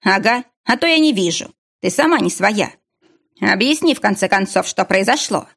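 A blunt, defensive young boyfriend, voiced by a woman reading an audiobook. His lines move in a lively, animated way. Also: mid-range voice, moderate pace, gravelly. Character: young man, boyfriend, tense and stern.

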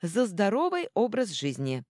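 A woman's voice: mid-range voice, huge pitch swings, a little slow, a little mellow, no room sound, studio quality, voice pushed up. A woman voicing a jovial, boisterous drunken dwarf king.

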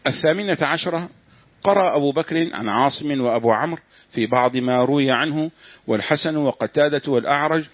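A man's voice: fairly high pitch, brisk, dry recording. Man reading a classical text aloud. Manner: steady reading, small slips he corrects. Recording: dull, dry lo-fi room recording.

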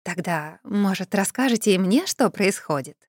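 A woman's voice: medium pitch, animated, normal speed, no echo, studio quality, close to an everyday voice. A woman voicing a resurrected witch who sounds like a naive young girl, asking innocent questions. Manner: naive, bright, innocently curious. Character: revived old witch with a girlish ringing voice, naive.

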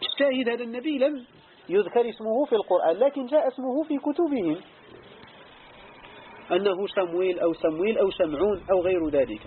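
A man's voice: sits high, fast talker, narrow, tinny audio, slight background noise. A man with a Moroccan accent, an Islamic scholar giving a lesson on Quran commentary. He explains step by step, asks and answers his own questions, and moves between classical recitation and everyday dialect.

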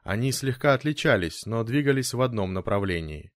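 A man reading a novel aloud as a steady audiobook narrator. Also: mid-range voice, brisk, dry recording, clean studio sound. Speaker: audiobook reader. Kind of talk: scripted narration.

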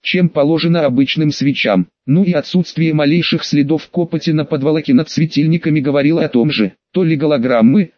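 A man's voice: on the high side, fairly quick, hardly any pauses, dry recording, dull audio. A man narrating an audiobook in the first person, in a wry, colloquial tone with grumbling asides.

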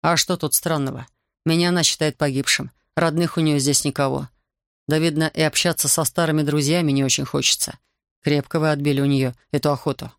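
A male narrator gives voice to a hardened former soldier and fisherman who speaks curtly and sarcastically. The voice is gravelly, dry and close to the mic. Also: on the high side, steady tone, brisk, fairly bright tone, no room sound.

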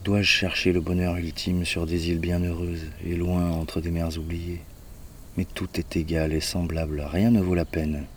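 A man's voice: low voice, level tone, moderate pace, recorded from a distance, slight background noise, close to an everyday voice. A man voicing a mournful old male soothsayer, a prophet of doom who speaks in a sad, lamenting way.

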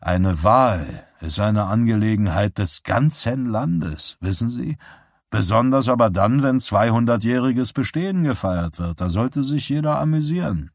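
Male reader doing a menacing thug, low-voiced and quietly sneering. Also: animated, measured pace, no room sound, studio quality.

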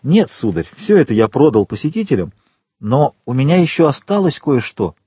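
An adult man voicing a humble, excitable prison gatekeeper in a storybook reading. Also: mid-range voice, normal speed, breathy edge, dry recording, voice pushed up. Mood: eager. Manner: eager, excitable, pleading. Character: poor humble jailer, eager and amazed.

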